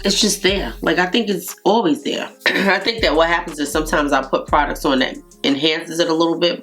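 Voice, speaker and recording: A woman's voice: low voice, a bit bright. Nasal-sounding woman, chatty beauty vlogger. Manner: chatty, repeats herself, addresses viewers as guys. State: sick, nasal voice. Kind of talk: casual makeup review to camera.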